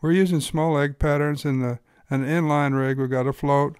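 A man's voice: fairly high pitch, steady tone, moderate pace, a little mellow, dry recording, studio quality. A man hosting and narrating his own fishing video in an easygoing, folksy explaining manner. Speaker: fly-fishing guide and host.

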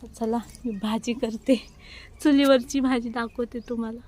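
Chatty woman vlogger, slightly high voice, talking to viewers on a phone outdoors. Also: fairly even intonation, moderate pace, darkish tone. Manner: chatty, keeps pointing things out to viewers. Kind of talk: casual vlog narration. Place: outdoors at a village home by a wood stove. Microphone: phone camera.

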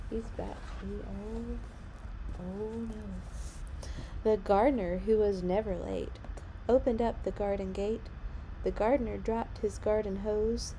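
In a small room at home, a young adult woman expressively reads picture books aloud for children and offers her own brief comments on the story. She has a medium-pitched, dark-toned voice, and the rough home recording carries noticeable background noise.

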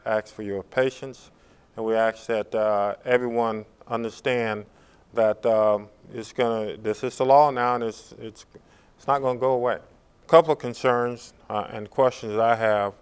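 Smooth-voiced man, halting public service announcement. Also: lowish voice, fairly even intonation. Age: middle-aged. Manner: halting, measured delivery with frequent pauses. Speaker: police chief hosting a public information talk. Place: small indoor studio.

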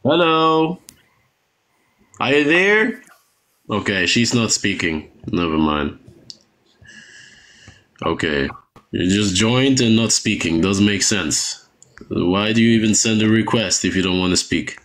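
A man hosting a live stream in casual chat, talking calmly and mockingly and tagging his sentences with short questions as he switches between German and English. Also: on the low side, takes it slowly, long pauses. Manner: mocking calm, repeats short tag questions. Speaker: livestream host.

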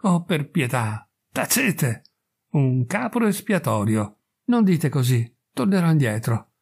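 A man's voice: mid-range voice, big pitch swings, unhurried, vocal fry, a little mellow, breathy edge, exaggerated voice. A man voicing a desperate young woman who pleads through tears, in a read storybook. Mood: pleading. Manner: pleading, tearful.

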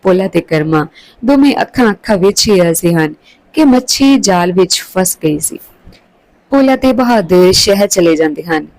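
A woman reading a dramatic story as narrator, steady and scripted. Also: lowish voice, moderate pace, no room sound, rough recording.

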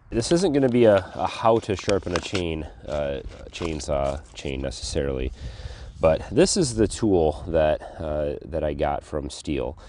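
Man, low and mellow voice, relaxed homestead host, rambling outdoor tool demo. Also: slight background noise. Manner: rambling, with frequent restarts and fillers. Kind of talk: casual hands-on tool demonstration. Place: outdoors on a farm.

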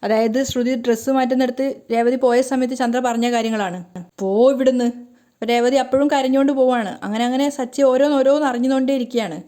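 Mellow woman retelling a story. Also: high voice, steady tone, quick pace. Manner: dramatic, flowing retelling. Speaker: serial recap narrator. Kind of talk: storytelling recap.

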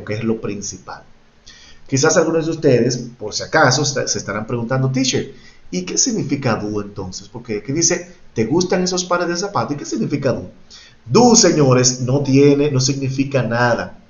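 A man's voice: medium pitch, echoey room, lo-fi sound. A man teaching English to Spanish-speaking students in an online class, explaining grammar patiently step by step and mixing in English examples.

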